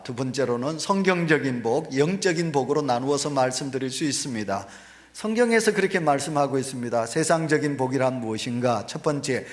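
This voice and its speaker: Male pastor preaching. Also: mid-range voice. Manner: storytelling, repeating phrases for emphasis. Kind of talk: sermon. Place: church sanctuary.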